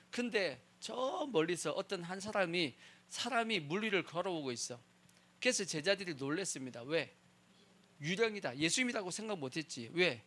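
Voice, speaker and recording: A man's voice: on the high side, fairly bright tone. A man preaching a sermon as pastor, who keeps asking the congregation questions and answering them himself.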